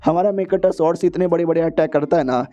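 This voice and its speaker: A man's voice: fairly high pitch, quick pace, warm tone, muffled recording. A man narrating a comic recap in a chatty, slangy style, mixing in English words.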